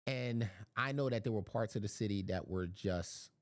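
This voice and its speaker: A man's voice: lowish voice, normal speed, darkish tone, no room sound, studio quality. A man from Philadelphia giving a casual Bible teaching, often repeating words as he searches for his phrasing.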